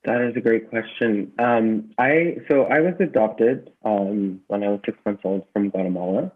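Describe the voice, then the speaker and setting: A man with a fairly low voice, a gym founder from the San Francisco Bay Area in the United States, speaks as an interview guest over tinny, muffled, phone-like call audio. He comes across as reflective, sincere, and earnest, feeling for words and halting with repeated words as he thinks.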